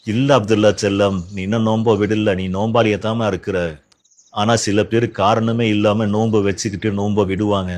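A man playing a gentle, patient father who calmly explains a religious rule to his children. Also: on the low side, fairly quick, no room sound, natural voice.

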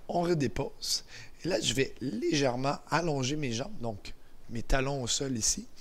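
A man with a Québécois French accent leading a gentle exercise class, calm and encouraging, counting down softly. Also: mid-range voice, normal speed. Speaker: exercise instructor. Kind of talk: guided seated exercise class. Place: indoors beside a chair.

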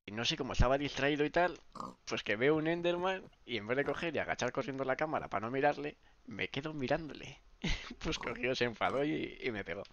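He's congested and hoarse-throated, chatting on a game live stream in an expressive, fairly bright voice at a brisk clip. The talk rambles with many restarts and low muttered asides, captured on dull-sounding audio.

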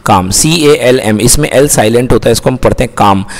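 A fast-talking man with a mid-range voice teaches an English lesson in a mix of Hindi and English, repeatedly posing questions and answering them himself. He calls his listeners "beta," and the recording has a long reverb.

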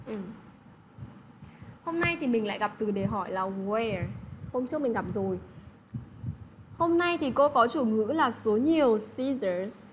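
A woman's voice: on the high side, lively intonation, measured pace, pauses often, slight background noise, rough recording. A woman teaching an English lesson to children, patiently explaining and often checking that the class has understood. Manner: patient, repeats checks like "được chưa".

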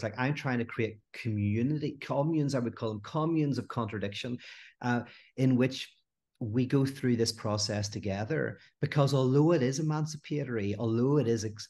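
Middle-aged guy on a podcast, lively, does little voices when telling jokes. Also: medium pitch. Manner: expressive, acts out quoted voices in anecdotes. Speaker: guest philosopher. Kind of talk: animated podcast conversation.

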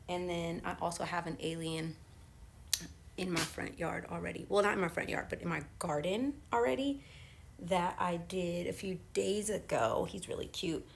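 A chatty woman in her thirties talks casually to her viewers and calls them y'all. Her voice sits fairly low. She films herself at arm's length around her house, with faint noise behind. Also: vocal fry. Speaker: lifestyle vlogger. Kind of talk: casual vlog chat to camera. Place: home kitchen and garage, indoors. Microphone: camera held at arm's length.

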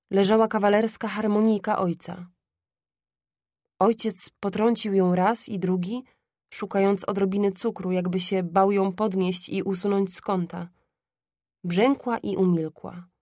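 A woman audiobook reader giving measured, expressive narration of a classic story at a close microphone. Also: mid-range voice, no echo. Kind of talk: scripted literary narration.

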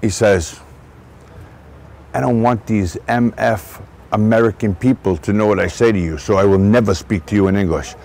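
A man's voice: on the low side, fairly even intonation, moderate pace, darkish tone, low-quality recording. A man, a racehorse trainer giving a guided barn tour outdoors, chatty and digressive, often restarting his sentences. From Long Island, New York. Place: outdoor horse barn shed row.

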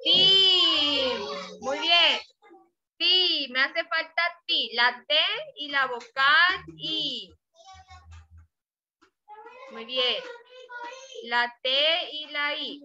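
A woman teaching kindergarten phonics remotely, her high voice moving at an unhurried pace. She breaks words into syllables and praises often. The recording is dull and lo-fi with steady noise behind her. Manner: slow, deliberate, sounds out syllables, frequent praise. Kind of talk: remote phonics lesson for small children.

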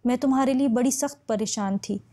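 A woman's voice: a little high, a little fast, mellow, natural voice. A woman voicing a fond, fussing middle-aged mother in an audiobook. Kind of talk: audiobook reading.

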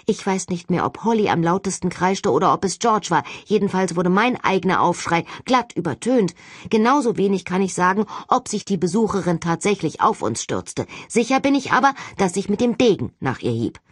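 A woman reading a first-person audiobook narration with an expressive, dramatic delivery. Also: fairly low pitch, fairly quick, husky, dry recording, studio quality. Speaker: audiobook reader.

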